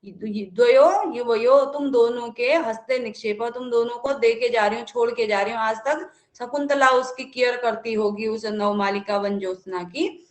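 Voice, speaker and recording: A woman teaching a live online class, reading verses slowly and then explaining them in a conversational way, greeting students as they join. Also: a little high, fairly even intonation, reverberant. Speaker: Sanskrit teacher.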